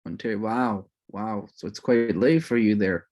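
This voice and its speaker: A man instructor chatting warmly and rambling a little as he greets students on a video call, sprinkling in religious phrases. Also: on the low side, normal speed. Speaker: course instructor. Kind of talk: casual chat greeting an online class.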